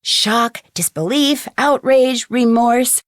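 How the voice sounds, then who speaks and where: A fairly high, slow-paced American woman plays a witty teenage detective girl, wrapping up a case in wry, conversational narration for a scripted game epilogue. She sounds amused, and the studio-quality recording has no room sound.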